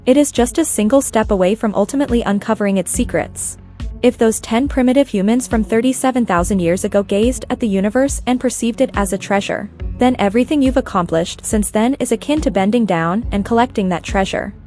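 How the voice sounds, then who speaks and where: A woman reading a scripted story narration at a steady, even pace. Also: a little high.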